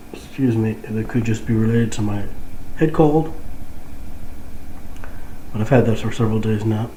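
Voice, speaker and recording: Congested man, casual home vlog, unhurried and wry; roomy, echoing room. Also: fairly low pitch, mellow, a little hiss or hum. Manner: slow, amused, chatty with restarts. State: congested with a head cold, hiccuping. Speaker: vlogger. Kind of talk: casual video diary.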